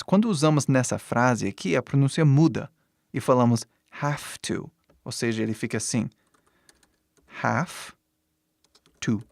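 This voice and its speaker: A man with an English-speaking accent teaching a relaxed online lesson in Portuguese, checking in often with the listener. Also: mid-range voice, no echo, studio quality. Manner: patient, explains slowly with many "né?" checks.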